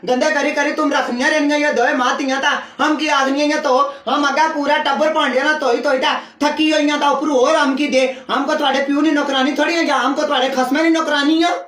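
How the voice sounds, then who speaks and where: A man putting on a shrill, ranting village woman. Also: little pitch movement, moderate pace, few pauses. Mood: aggrieved ranting. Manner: ranting, shouting, aggrieved. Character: loud, quarrelsome village woman, a sister-in-law tired of housework. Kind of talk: comic sketch. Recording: roomy and distant.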